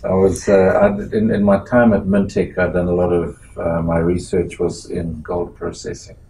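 An older man from Zimbabwe, sitting in an office for an oral history interview, speaking in a measured, halting way with many pauses and restarts. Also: deep voice, flat delivery, mellow, a little hiss or hum, low-quality recording. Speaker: interviewee, metallurgist. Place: small office meeting room indoors.

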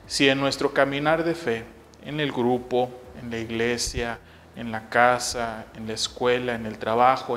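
A man with a Mexican accent, reading the gospel and giving a reflection as a parish preacher, in a measured, solemn way that slows on closing phrases. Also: mid-range voice, fairly bright tone. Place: parish church. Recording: long reverb with faint background noise.

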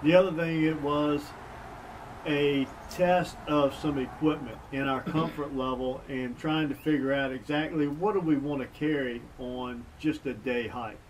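A man's voice: a little high, a little slow, a little hiss or hum. Middle-aged male host, folksy porch chat, camera mic from a distance. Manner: relaxed, folksy, plain-spoken. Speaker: bushcraft channel host. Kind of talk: casual sit-down vlog chat. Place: outdoor front porch. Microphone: camera mic from a few feet away. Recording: distant mic, faint outdoor ambience.

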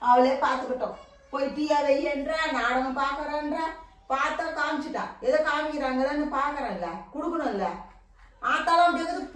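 High-voiced older lady scolding and shouting, sounds far off in a boomy room. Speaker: mother-in-law in family vlog. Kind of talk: family quarrel vlog. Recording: echoey room, far from mic, faint noise.

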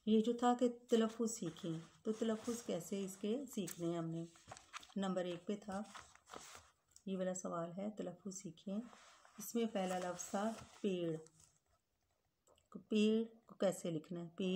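A woman's voice: mid-range voice, dark tone, slight background noise. A woman teaching a grade-school Urdu grammar lesson, patiently spelling words out letter by letter and calling her pupils children.

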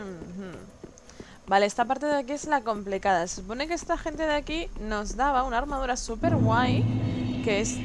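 Brief: high-pitched, animated woman streamer, exclaiming chatter, noisy home stream audio. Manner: excitable, exclaiming and chatting with viewers. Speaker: gaming streamer. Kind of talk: let's play commentary.

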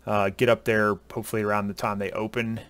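A relaxed man in his thirties talks casually to his viewers through a headset at home. His voice sits slightly low and the talk rambles along, full of uhs and ums. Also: fast talker, clear, resonant tone, no echo. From Southern US. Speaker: ski vlogger. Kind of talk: casual chat to camera. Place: home room at a desk.

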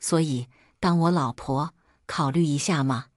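A woman's voice: deep voice, a little slow, no room sound, clean studio sound. A woman voicing a teasing young man who is doting and smug, speaking in a playful, coaxing way.

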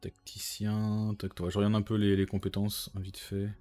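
Low-voiced man thinking aloud over a game. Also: monotone, moderate pace, dark tone, faint music behind. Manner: muttering through menus, thinking aloud. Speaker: gaming streamer. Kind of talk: casual co-op strategy game commentary.

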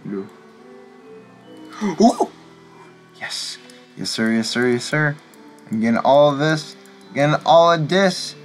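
A young man giving casual, rambling gameplay commentary, full of fillers and sudden excited outbursts. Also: fairly high pitch, slow, long pauses. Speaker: gaming channel host. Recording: faint music behind.

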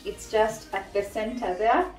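A woman's voice: medium pitch, measured pace. A young woman from Tanzania casually reviewing a kitchen appliance at home, chatting and thinking aloud as she shows each part. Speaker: cooking vlogger. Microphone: camera mic from a few feet away. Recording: roomy kitchen sound, mic at a distance. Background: background music.

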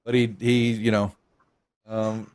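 A middle-aged man narrating a tabletop game as game master in a casual, halting, conversational way. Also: fairly low pitch, flat delivery, a little mellow, clean tone.

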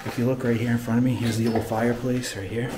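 Speaking fast and flatly in a mid-range voice, this urban explorer addresses viewers as he films on a handheld phone. He's inside an abandoned mausoleum at night, and the recording is noisy.

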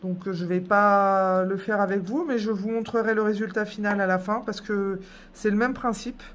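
A woman's voice: medium pitch, fairly even intonation, normal speed, slight background noise. A woman walks viewers through her coloring in an easy, conversational voice-over. She hesitates often and fills the gaps while she works. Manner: chatty, hesitant, many fillers. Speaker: coloring tutorial host. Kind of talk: casual voice-over tutorial.

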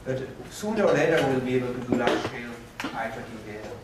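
A man giving a conference keynote and answering questions, animated and moving about the stage, recorded from a far camera in a lecture hall. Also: medium pitch, fast, heavy background noise. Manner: animated, gestures while pacing the stage. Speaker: keynote speaker. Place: lecture hall with projector screens. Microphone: far room camera.

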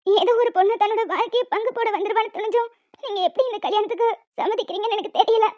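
A woman's voice: extremely high pitch, a little mellow. Woman voicing Kavya, a remorseful young woman. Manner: earnest, emotional, pleading. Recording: dull lo-fi audio with music.

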